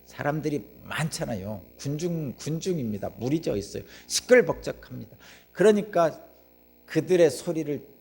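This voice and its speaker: A man's voice: a little high, very animated, normal speed, vocal fry, a little mellow, slightly rough. A man preaching a sermon as pastor, telling the story vividly, asking the congregation questions and acting out the voices of the crowd.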